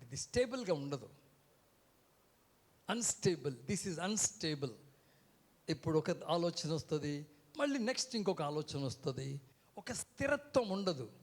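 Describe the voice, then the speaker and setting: A man preaching a sermon from a church stage, calling out to the congregation and having them repeat words back. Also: fairly high pitch. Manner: keeps calling out "hello" to the crowd. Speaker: guest preacher. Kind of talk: sermon with call-and-response.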